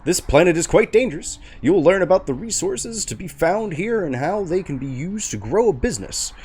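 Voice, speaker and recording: A man's voice: sits high, animated, a little fast, a little mellow, slight background noise, voice pushed up. A man putting on a chirpy cheerful robot guide. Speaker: gamer reading a tutorial aloud.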